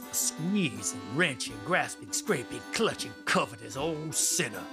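A male actor playing a wry, irreverent storyteller in a radio drama, colloquial and folksy, addressing listeners directly. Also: mid-range voice.

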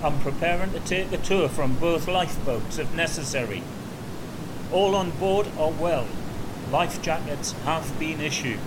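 A man plays a steady cargo-ship captain calling out over the radio in clipped, formal procedure. His voice sits a little high. A heavy hiss runs under everything he says. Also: measured pace, natural voice. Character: calm male ship captain radioing distress.

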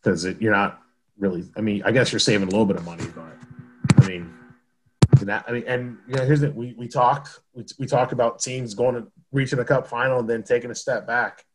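A man's voice: medium pitch, steady tone, fairly quick. A man co-hosting a sports podcast in casual chat, rambling with frequent restarts and laughs. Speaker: podcast co-host.

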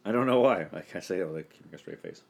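Deep-voiced joking man. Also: expressive, racing, slight background noise. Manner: joking, laughs often. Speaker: podcast host. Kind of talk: casual chat.

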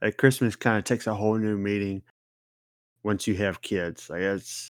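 A young man co-hosting a casual podcast, speaking in a relaxed, reflective way as he searches for words. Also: lowish voice, moderate pace, dry recording, studio quality. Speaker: podcast co-host. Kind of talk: casual chat.

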